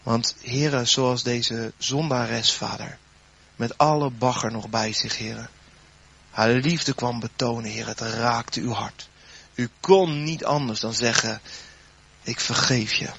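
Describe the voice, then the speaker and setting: A fervent male preacher delivers a sermon and leads a spoken prayer, rising to loud appeals and falling to near-whispers. His voice is husky and breathy. The recording sounds dull and lo-fi. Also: mid-range voice, takes it slowly. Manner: fervent, swells loud then drops soft.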